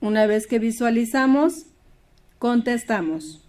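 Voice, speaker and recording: A woman's voice: a little high, a little slow, darkish tone. A woman teaching a primary school Spanish lesson, explaining steadily and reading poems and word examples aloud.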